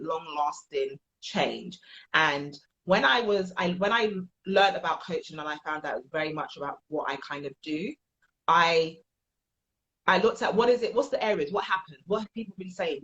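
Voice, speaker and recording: A woman's voice: fairly low pitch, moderate pace, fairly bright tone. A woman working as a transformational coach, answering interview questions in an earnest, emphatic way and repeating phrases for weight. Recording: dull, lo-fi sound.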